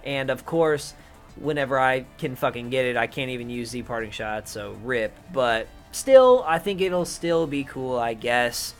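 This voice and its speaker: A young male YouTuber with a medium-pitched voice talks through his draft picks for an online league at an unhurried pace. His commentary to camera is casual and unscripted, full of offhand swearing and "um" and "uh," with soft music playing in the background.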